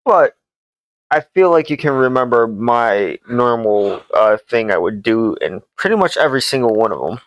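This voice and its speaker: A man's voice: medium pitch, expressive, normal speed, no echo, highs cut off. A young man co-hosting a podcast, telling anecdotes in a rambling way full of "like" fillers. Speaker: podcast co-host. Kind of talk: casual chat.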